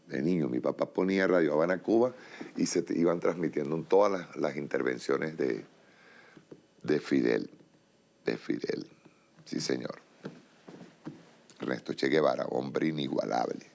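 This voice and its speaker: A middle-aged male TV host with a very low, gravelly voice. He delivers a rambling, emphatic political monologue, full of restarts and repetitions. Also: a little mellow. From Venezuela. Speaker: TV show host.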